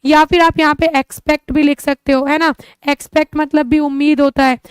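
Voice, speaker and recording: Speaking a little fast in a level, high-sitting voice, a woman teaches English speaking in an online class, with no room sound in the recording. She encourages the students, calls them children, and keeps asking questions only to answer them herself.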